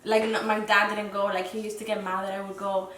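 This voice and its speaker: A podcast guest in her twenties from the Dominican Republic answers in a casual interview, hesitant and reflective with many fillers. Her medium-pitched voice is level, brisk and a bit bright, picked up from a distant mic with roomy echo and faint noise.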